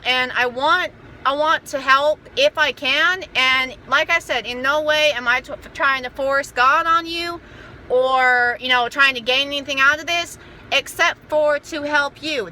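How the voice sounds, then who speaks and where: An American woman giving an informal motivational talk to camera, earnest, rambling and halting, repeating herself as she goes. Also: sits high, sharp tone, slight background noise. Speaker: amateur motivational speaker.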